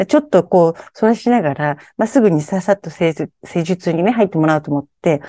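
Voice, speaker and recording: A woman's voice: lowish voice, lively intonation, quick pace, dark tone, no echo, clean studio sound. A woman telling her own strange, eerie experiences in conversation, animatedly acting out her startled reactions.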